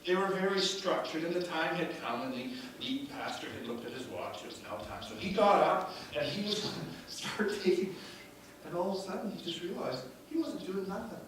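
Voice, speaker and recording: A man preaching a sermon in a church, moving from easy storytelling to loud, exclaiming praise with the odd laugh. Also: high voice, lively intonation, moderate pace, noisy background. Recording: echoey church room, voice from far off.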